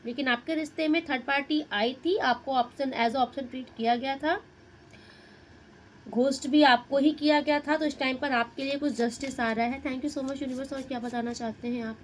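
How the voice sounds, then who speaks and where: Tarot reader, woman, high voice, muses over each card out loud. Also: fairly even intonation, normal speed, slight background noise, poor audio. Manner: Hindi-English mix, addresses viewer directly, muses over cards. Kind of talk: tarot reading.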